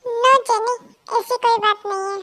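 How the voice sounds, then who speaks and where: A woman's voice: very high voice, fairly even intonation, normal speed, a bit bright. A woman doing a curt, rude young husband. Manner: curt, dismissive, irritable.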